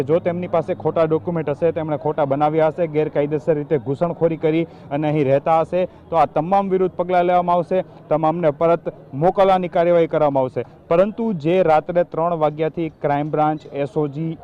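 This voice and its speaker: A man reporting live for a news channel from an outdoor police ground, speaking in steady, official sentences. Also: a little high, dull audio. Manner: steady, level delivery with official lists. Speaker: field reporter.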